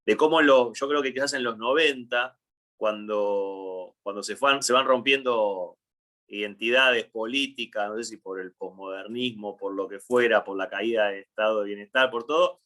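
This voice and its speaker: A man's voice: lowish voice, moderate pace, fairly bright tone. A man in his thirties with an Argentine accent, hosting a casual discussion and thinking aloud with frequent restarts. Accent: Argentine Spanish. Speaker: host.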